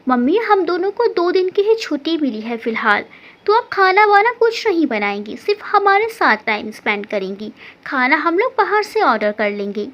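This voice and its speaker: A woman's voice: extremely high pitch, very animated, normal speed. A woman doing a mischievous young daughter. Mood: playful. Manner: playful, coaxing. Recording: dull lo-fi recording.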